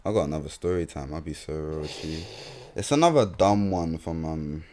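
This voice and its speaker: A man's voice: very deep voice, normal speed, a little mellow. A young man with a London accent, co-hosting a podcast and telling rambling stories full of slang in casual chat. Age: young adult. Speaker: podcast co-host.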